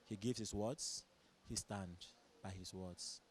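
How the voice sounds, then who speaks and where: A man with a Nigerian accent, a stage director and producer, gives earnest interview answers in declarative, repeating phrases. His low-pitched voice is steady and slow. Event ambience and background noise are clearly audible.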